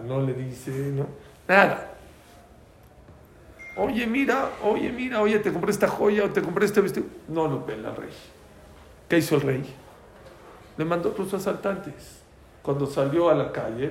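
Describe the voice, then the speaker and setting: A man's voice: a little high, creaky, roomy sound, slight background noise. A man teaching a religious class, telling stories and asking his listeners questions, using Hebrew terms. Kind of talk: storytelling class lecture.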